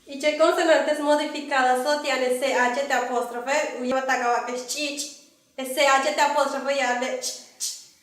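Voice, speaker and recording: A young woman from Yucatán, Mexico, teaching a language lesson in a halting way with many fillers. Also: sits high, steady tone. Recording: echoey room, far from mic.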